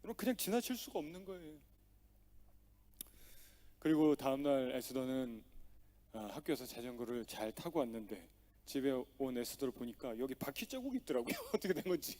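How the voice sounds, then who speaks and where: A man's voice: mid-range voice, expressive, brisk, dark tone. A man preaching a sermon as pastor, telling stories with acted-out dialogue and strong emphasis. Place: church sanctuary.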